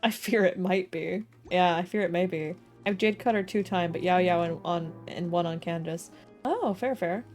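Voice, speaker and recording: A woman with a lowish, slightly mellow voice talks casually at a moderate pace while streaming a game, reacting aloud to the play. Game music runs in the background.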